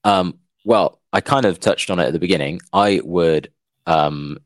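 A young man co-hosting a casual podcast chat, speaking in a calm, reflective way with hesitant fillers. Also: low voice, a little slow, no room sound. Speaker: podcast co-host.

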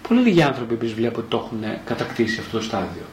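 A male psychotherapist with a mid-range voice gives an animated spoken lecture, posing questions and answering them himself, at times speaking in the first person as a child. The low-quality recording has an echoey room and a little hiss or hum.

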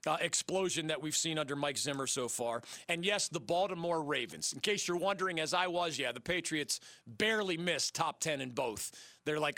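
A middle-aged man hosting a sports talk radio show, emphatic and energetic, with a voice worn from losing it. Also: on the high side, no room sound. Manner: energetic, emphatic, quick asides. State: losing his voice.

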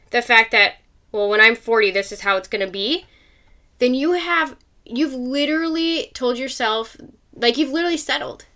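A woman's voice: a little high, sharp tone. A woman hosting a podcast, delivering a blunt motivational monologue full of rhetorical questions. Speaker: podcast host.

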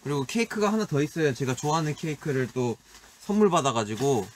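A man hosting a live stream in a soft, laid-back voice, casually answering viewer comments. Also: a little high, expressive, quick pace, a little hiss or hum. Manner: soft-spoken, laid-back, often laughing.

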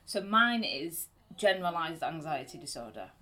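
A woman's voice: low-pitched, very animated, normal speed, sharp tone. A woman co-hosting a casual podcast chat, telling stories and acting out quotes in an amateur home recording. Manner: chatty, storytelling, acts out quotes. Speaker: podcast co-host. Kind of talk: casual chat about anxiety.

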